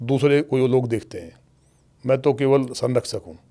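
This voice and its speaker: A man speaking as a politician guest on a podcast. He tells his story at length in a measured, steady way and refers to other leaders with formal honorifics. His voice sits at an ordinary middle pitch. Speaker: politician guest, state legislator. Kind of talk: long-form podcast interview answers.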